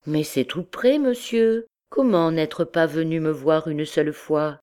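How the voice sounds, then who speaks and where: A woman's voice: deep voice, unhurried, warm tone, smooth. A woman voicing a young noblewoman who questions her suitor in a pleading, reproachful way.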